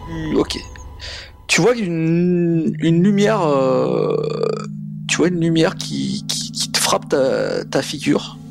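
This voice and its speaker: A man improvising tabletop game narration as game master, in a hesitant, halting way, with music behind him. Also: a little high, lively intonation, gravelly.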